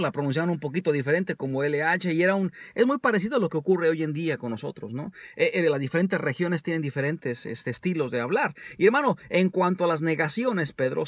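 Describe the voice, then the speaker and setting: A man with a fairly high voice delivers a sermon in a relaxed, conversational way, stopping often to hesitate and restart. The sound is close and dry, with hardly any room around it. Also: dry recording. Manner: conversational preaching, addresses listeners as brothers, frequent hesitations. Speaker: pastor.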